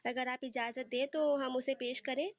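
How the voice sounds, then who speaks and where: A woman's voice: high voice, level tone, normal speed, no echo, muffled recording, close to an everyday voice. A woman reading a cheeky young prankster. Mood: playful. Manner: playful and mock-innocent.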